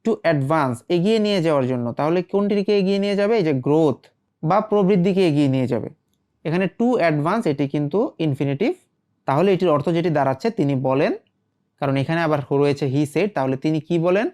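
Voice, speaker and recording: Fast-talking male language teacher. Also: a little high, a little mellow. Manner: asks rhetorical questions and answers them himself; reads English phrases then glosses them. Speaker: English teacher. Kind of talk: explanatory language lesson.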